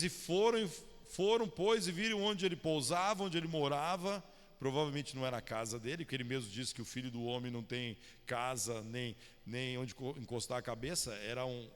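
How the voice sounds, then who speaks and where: A man preaching a sermon, firing questions at the congregation and calling on listeners by name. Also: mid-range voice. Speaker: pastor. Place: church hall. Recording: long church hall reverb.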